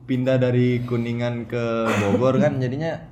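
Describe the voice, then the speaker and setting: A man's voice: medium pitch, steady tone, moderate pace. A man hosting a casual chat among friends, talking in colloquial Jakarta-style slang. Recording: echoey room, faint noise.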